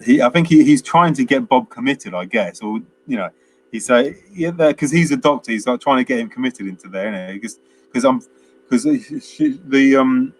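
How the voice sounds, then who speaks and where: A man's voice: medium pitch, expressive, normal speed, a little hiss or hum. A man co-hosting a film review, chatting casually with lots of fillers and restarts. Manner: rambling, many fillers and restarts, acts out quotes. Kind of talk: casual chat.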